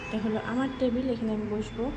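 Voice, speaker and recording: A woman's voice: a little high, flat delivery, fast, background noise. A young woman chatting casually to her viewers in a home vlog, filming on her phone. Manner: chatty, coaxing and soothing with her child. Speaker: vlogger and mother.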